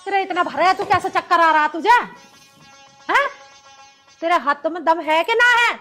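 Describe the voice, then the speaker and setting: A woman's voice: very high-pitched, moderate pace, sharp tone, soft background music. A woman playing a nagging village mother-in-law. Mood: scolding. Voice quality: scolding, nagging rural speech. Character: sharp-tongued bossy village mother-in-law. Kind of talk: rural comedy drama acting.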